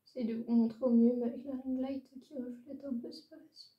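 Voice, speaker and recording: A woman's voice: high-pitched, fairly even intonation, a little fast, muffled recording. A young woman showing her makeup palettes in a casual, hesitant chat, full of fillers and repeated words. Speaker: beauty vlogger. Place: room lit by a ring light. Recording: roomy echo, a bit far from the mic.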